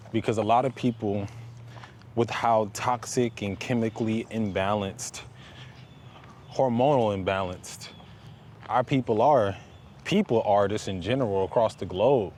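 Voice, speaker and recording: A man with a lowish, darkish voice gives a motivational, conversational talk while walking up a paved hill outdoors. Traffic makes the outdoor recording noisy.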